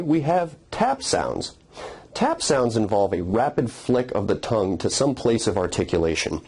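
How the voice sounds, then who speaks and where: Deep-voiced, husky male phonetics instructor. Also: a little mellow. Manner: methodical, explains and demonstrates sounds. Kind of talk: scripted educational narration.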